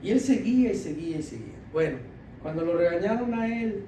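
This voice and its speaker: Heard from far away in an echoey church hall, with faint background noise, a high-voiced deacon gives an animated sermon testimony full of laughter. His delivery is expressive, fairly quick and mellow, and he lowers his voice when quoting other people.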